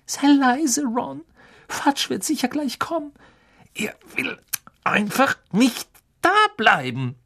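A reader voicing a frightened teenage girl witch who speaks in a high, breathy, hushed voice. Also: big pitch swings, slow pace, exaggerated voice. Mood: hushed urgent. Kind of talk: audiobook character voice.

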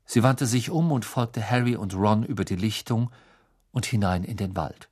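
Male storybook narrator, expressive and measured, a touch husky. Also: on the low side. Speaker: audiobook narrator.

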